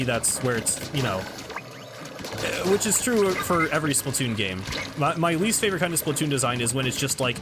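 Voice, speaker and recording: A man's voice: a little high, background noise. A man streaming a game, chatting casually in a rambling way with restarts and laughs. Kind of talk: casual gameplay commentary. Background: game music.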